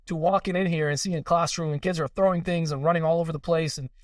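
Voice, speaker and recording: A young man from Iran talks quickly and earnestly as a podcast guest, leaning on fillers as he tells his story. His voice sits a bit high, and he sounds a little away from the mic in a dry, dead room. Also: steady tone, no room sound, recorded from a distance. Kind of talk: casual interview conversation.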